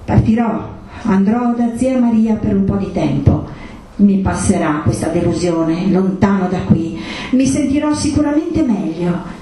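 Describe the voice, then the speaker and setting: A woman giving voice to a young wife, wounded but set on her plan. Her tone rises and pleads, mellow rather than sharp. It sounds distant, caught in a very echoey room. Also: medium pitch, expressive, unhurried, lightly acted. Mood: resolute. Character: young betrayed wife, hurt and determined.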